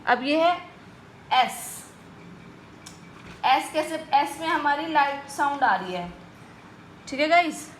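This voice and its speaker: Female tutor, high bright voice, slow patient delivery, faint background hum. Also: animated. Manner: patient, repeats "ठीक है guys" often. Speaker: stenography teacher. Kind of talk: video lesson explaining strokes.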